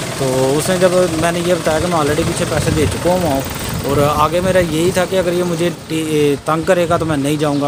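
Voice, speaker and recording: A young man recounts a trip in loose, meandering vlog talk, stopping often on fillers and starting sentences over. His voice sits a little high for a man. Birds and passing traffic come through clearly behind him outdoors. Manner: rambling, hesitant, with many fillers and restarts. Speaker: vlogger. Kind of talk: casual travel storytelling. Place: outdoors at a roadside border crossing.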